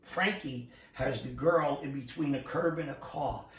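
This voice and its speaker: A man's voice: medium pitch, measured pace, slight background noise. An older man with a New York accent, telling a street story in a rambling, repetitive way as an interview guest. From Brooklyn, New York. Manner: rambling, repeats words, acts out voices in stories. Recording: echoey room, distant from mic.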